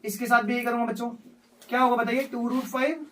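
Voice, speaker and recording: A man's voice: very high voice, level tone, fast, a bit bright. Man teaching maths to a class. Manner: repeats steps, asks class questions. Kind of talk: live classroom lesson. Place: classroom with students. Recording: distant from mic.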